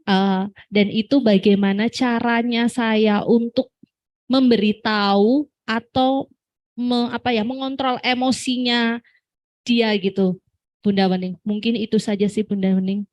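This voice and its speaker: A woman in a seminar audience asks about her children, pausing and searching for words. Her voice is plain in pitch. The mic sound is dull and dry. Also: fairly even intonation, darkish tone, dry recording. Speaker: audience member asking a question. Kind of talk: asking a question at a seminar.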